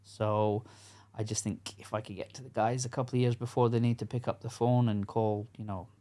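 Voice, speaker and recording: Brisk and flat, with a dark tone on the low side, a middle-aged Scottish man speaks as a podcast guest. He is a coach to construction workers, and his casual interview chat is earnest and frank, peppered with fillers and restarts.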